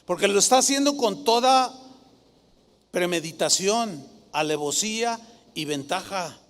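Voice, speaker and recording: Male pastor, high-pitched and theatrical, preaching in a reverberant church. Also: a little slow. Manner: dramatic preaching, mimics flatterers in a sugary voice. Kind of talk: sermon.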